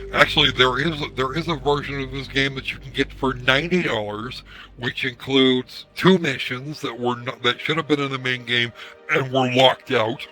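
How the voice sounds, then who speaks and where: A man's voice run through a voice changer that makes it sound bright and sharp, over faint music in the background. Underneath he is hoarse from screaming. He rants irritably to his stream on a headset, swearing and circling back over his own words. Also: mid-range voice. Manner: irritated, swears, repeats himself. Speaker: live streamer. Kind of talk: ranting livestream commentary.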